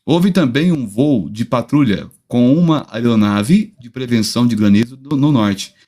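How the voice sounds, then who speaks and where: Man, Brazilian Portuguese accent, medium pitch, slurred toothache speech, news reading, casual asides. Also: lively intonation, moderate pace, mellow. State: slightly slurred, slowed speech after a tooth extraction. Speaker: pastor co-hosting a talk show, reading news reports.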